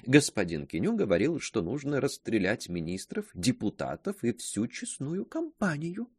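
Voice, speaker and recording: A man's voice: mid-range voice, huge pitch swings, husky, dry recording, voice pushed up. A man reading aloud voicing a gossipy old spinster woman who talks in sly, insinuating hints. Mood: sly gossip. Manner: insinuating, drawn-out pauses.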